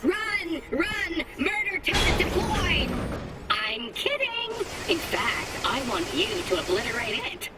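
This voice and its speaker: A woman's voice: extremely high pitch, big pitch swings, slow pace, full character voice. A woman voicing a cheerful, chatty female robot memory that carries a deadly turret, with a robotic voice effect. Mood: playful. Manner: eager, chatty, apologetic. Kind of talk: video game dialogue. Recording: distant voice under loud game music.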